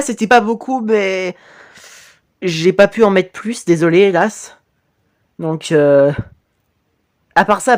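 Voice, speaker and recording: A woman reacting to fan-made cartoon episodes in chatty, enthusiastic commentary, praising the creators. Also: mid-range voice. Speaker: YouTube reactor.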